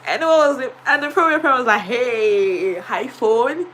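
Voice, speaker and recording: A woman's voice: high-pitched, fast, bright, forceful tone, a little hiss or hum. A woman with a Nigerian accent, a teacher, chatting on a live stream and telling a story with many fillers. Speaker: vlogger and teacher.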